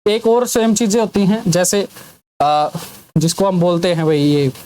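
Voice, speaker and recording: A man's voice: sits high, unhurried, darkish tone, slight background noise. A male teacher giving a classroom grammar lesson, drilling sounds over and over, asking the class questions and dropping teasing jokes. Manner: drills students with repeated sounds and call-and-response questions; jokey teasing asides.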